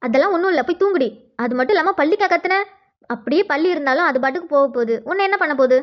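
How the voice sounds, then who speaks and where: A woman's voice: sits high, expressive, racing, highs cut off, pitched below the performer's own voice. A woman voicing an impatient mother scolding her grown daughter to go to sleep in a cartoon. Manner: soothing yet scolding.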